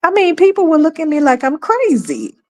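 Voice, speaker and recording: Animated woman hosting casual commentary. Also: a little fast. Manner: animated, laughs often, acts out quoted people in a higher voice. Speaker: livestream commentary host.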